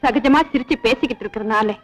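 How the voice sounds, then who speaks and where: A proud, quick-witted young orphan woman from a 1960s film melodrama, with a high voice, as an actress plays her. She talks bluntly and reasons her case with her employer. Faint film music plays under her lines. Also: close to an everyday voice, poor audio. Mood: calm, firm. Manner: blunt and reasoning, addresses him as sir. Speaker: household worker. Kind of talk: 1960s Tamil film acting.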